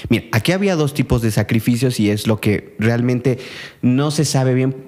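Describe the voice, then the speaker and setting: A man's voice: mid-range voice, moderate pace, a little mellow. A man, casually retelling a Bible story as a podcast co-host, with hesitant restarts. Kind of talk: casual chat.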